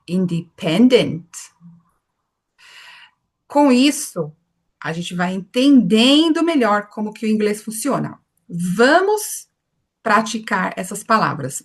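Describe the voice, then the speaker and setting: Woman, pronunciation teacher, very slow deliberate delivery, models words for repetition. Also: medium pitch. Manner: slow, careful, models English words one at a time for the viewer to repeat. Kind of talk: online pronunciation lesson.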